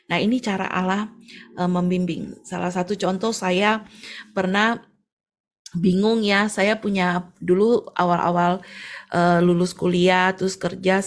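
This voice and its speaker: A woman lay preacher giving a conversational church teaching, peppering her talk with little fillers and growing lively when she tells personal stories. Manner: conversational, fills with frequent "ya" and "eh"; gets animated and rises in pitch when telling stories.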